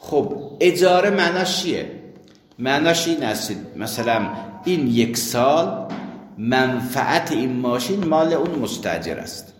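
A man's voice: mid-range voice, animated, slight background noise. A man teaching a jurisprudence lesson, who explains with worked examples and asks and answers his own questions. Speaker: seminary teacher. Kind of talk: jurisprudence lecture. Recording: echoey hall.

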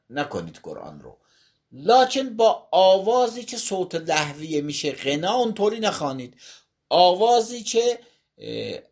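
A man's voice: a little high, breathy edge. A man teaching religious jurisprudence, reading a passage aloud and then explaining it phrase by phrase, often rephrasing and correcting himself as he goes. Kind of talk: classroom lecture.

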